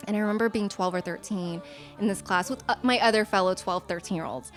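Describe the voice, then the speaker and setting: A woman's voice: medium pitch, quick pace, soft background music. A woman in her twenties from the United States, a guest in a casual chat, speaking in an earnest, reflective and encouraging way. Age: 20s.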